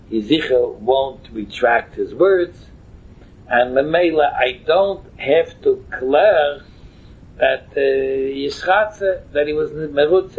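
A man with a Yiddish accent giving an informal religious lesson as a teacher, haltingly explaining a text line by line, repeating and rephrasing as he goes, in a husky, rough voice. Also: medium pitch. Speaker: Talmud teacher. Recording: muffled, thin phone-like line.

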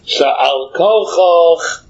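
A man with a rough, husky voice and Yiddish-inflected English gives a Talmud lecture, thinking aloud and often repeating words as he works through an explanation. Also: a little high. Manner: halting, repeats words and restarts while explaining. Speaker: Talmud teacher. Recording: muffled, dull lo-fi recording.

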